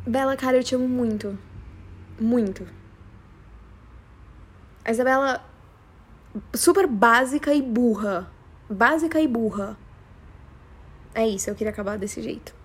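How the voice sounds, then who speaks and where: A young adult woman with a fairly high, husky voice and a strong São Paulo Brazilian accent hosts a podcast. She chats casually and confessionally, rambling in a slangy, emphatic way.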